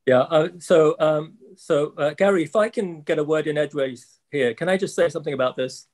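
A man in his sixties speaking as a panelist on a video call, measured and polite, with many fillers. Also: on the high side, darkish tone. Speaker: panelist, central bank economist. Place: office with logo backdrop.

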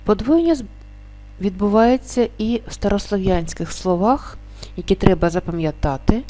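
A woman teaching a spelling lesson, explaining rules slowly and stretching out each example word. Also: mid-range voice, warm tone. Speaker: language teacher.

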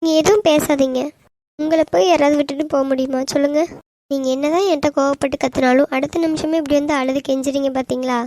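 A woman voicing a gentle, devoted young wife in a cartoon, talking in an earnest, pleading way. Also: high voice, steady tone, fast, a little hiss or hum. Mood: soothing. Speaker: voice actor. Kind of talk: animated cartoon dialogue.

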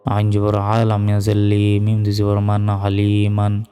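A man teaching Quran reading, spelling out Arabic words letter by letter in a slow, measured way and chanting the verses. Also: on the low side, monotone, mellow, smooth, long reverb tail, faint music behind.

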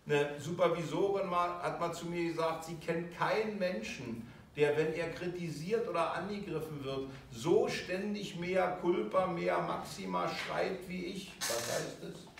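A man's voice: a little high, unhurried, slight background noise. A man teaching a video course. He gives an emotional lecture and acts out the voices he quotes. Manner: animated, acting out quoted voices. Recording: very echoey room from far off.

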